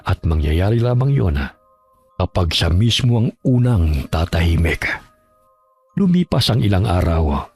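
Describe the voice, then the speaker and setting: Man reading out a spooky folk horror story, steady and measured. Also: on the low side, slightly rough. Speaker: narrator. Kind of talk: scripted horror story narration.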